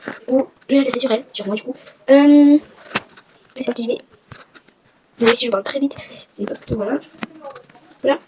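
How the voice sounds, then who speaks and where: Fast-chatting woman over clicky noise. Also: fairly high pitch. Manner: chatty, rambling, self-mocking. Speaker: gaming video host. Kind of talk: casual game walkthrough vlog. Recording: noisy with clicking sounds.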